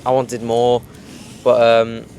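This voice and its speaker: A teenage boy hosting a karting vlog, chatting casually and haltingly, with many fillers and restarts. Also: medium pitch, completely flat delivery, a little mellow, a little hiss or hum. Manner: rambling, hesitant, lots of fillers and restarts. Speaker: kart racer and vlog host. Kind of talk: casual trackside vlog chat.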